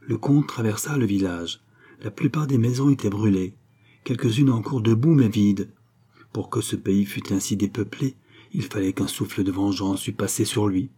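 A man narrating a historical novel in an audiobook reading, in a measured, dramatic way. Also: lowish voice, warm tone, breathy edge.

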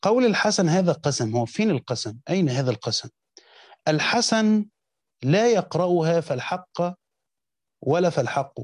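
A man's voice: fairly high pitch, lively intonation, moderate pace, long pauses, a little mellow, dry recording. Egyptian man explaining a classical text. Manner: reads quoted text then explains in colloquial speech, with frequent restarts. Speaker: teacher of Quranic exegesis. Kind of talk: reading and commenting on a classical text.

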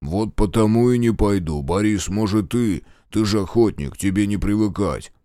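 A burly village strongman, as a male narrator puts him on, with a very deep, dry voice. He grumbles slowly and stubbornly, dodging any danger, as in a storybook audiobook. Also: lively intonation, mellow, no room sound, close to an everyday voice. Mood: grumbling. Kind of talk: audiobook character voice.

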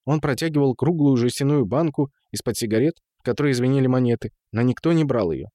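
A man reading an audiobook in measured storytelling, voicing the characters. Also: mid-range voice, lively intonation, warm tone, dry recording, clean studio sound. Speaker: narrator. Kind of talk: audiobook narration.

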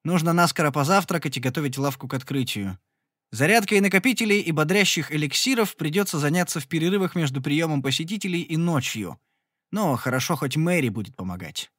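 A male audiobook narrator reading a first-person fantasy story with a lively, swinging pitch. His delivery is expressive and often exasperated, and his voice sits a little high for a man. The sound is dry and close, with no room sound. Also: a little fast, no echo.

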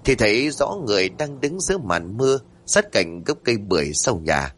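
A man narrating a horror story in a suspenseful, measured way. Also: fairly low pitch, sing-song, a bit bright, slightly rough.

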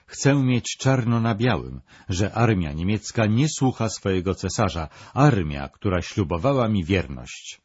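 A man's voice: sits low, normal speed, a little mellow, slightly rough, dry recording, highs cut off. A man voicing a proud, indignant aging emperor with an imperious, demanding manner, read within a documentary.

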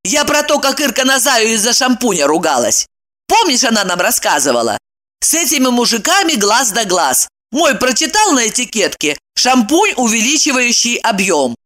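A woman reading a story aloud, voicing a brash, sharp-tongued young woman who scolds and exclaims. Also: a little high, big pitch swings, normal speed, pitched above the performer's own voice. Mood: indignant.

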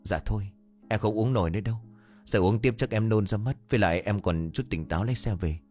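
A man's voice: fairly low pitch, quick pace, darkish tone, soft background music, close to an everyday voice. A man voicing a polite, tipsy, helpful young worker in an audio ghost story, hesitant and questioning. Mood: apologetic.

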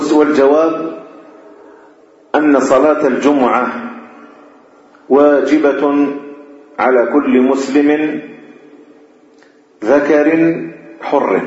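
A man gives a lecture as a teaching sheikh, speaking in deliberate, drawn-out phrases. The recording is muffled and lo-fi, with heavy echo. His voice sits at a middle pitch. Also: darkish tone. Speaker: sheikh teaching a hadith commentary. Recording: echoey dull lo-fi room recording.

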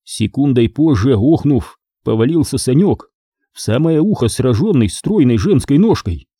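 A man narrating an audiobook in a dry, even storytelling manner. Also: mid-range voice, moderate pace, slightly rough, no echo.

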